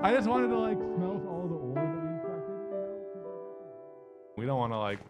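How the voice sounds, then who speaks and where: This is a man chatting through a video game session on stream. He gets excitable fast, tripping over his words and repeating himself, and his pitch swings widely. Game music plays clearly behind him. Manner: excitable, quick exclamations and stammered repeats. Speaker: gaming channel co-host. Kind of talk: casual let's-play chat.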